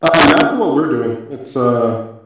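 A man speaks from inside a tunnel, his voice bouncing back with a heavy, booming echo. His pitch sits in an ordinary middle range, and he keeps his answers brief and low-key, the way a co-host talks in a casual online audio chat. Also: animated, unhurried, noisy background. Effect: echoing tunnel sound.

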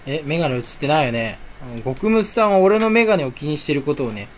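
A man's voice: on the high side, very animated, fast talker, slight background noise. A young man chatting casually to camera at his computer at home, rambling and talking to himself in a jumpy, self-mocking way. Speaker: video creator. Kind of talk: casual solo chat while browsing online. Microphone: desk or headset mic, face on camera.

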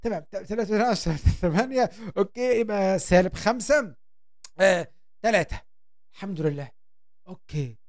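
With his Egyptian Arabic accent, a young male gaming host chats to viewers in playful, excitable let's-play commentary. He sounds high-pitched but keeps a moderate pace.

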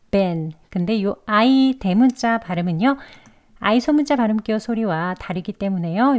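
A woman's voice: mid-range voice, darkish tone, lo-fi sound. Patient woman teaching pronunciation. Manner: clear, patient step-by-step explaining with drawn-out model words. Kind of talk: pronunciation lesson.

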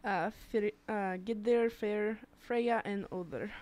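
A woman co-hosting a casual history podcast, chatty and quick to laugh as she reads through a list. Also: mid-range voice, a little mellow.

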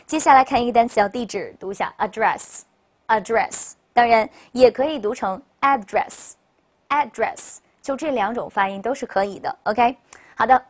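Upbeat woman teaching English words. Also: a little high. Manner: explains in Chinese, slowly models English words for repeating; upbeat, chatty classroom delivery with frequent "OK, 好的". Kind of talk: recorded vocabulary lesson.

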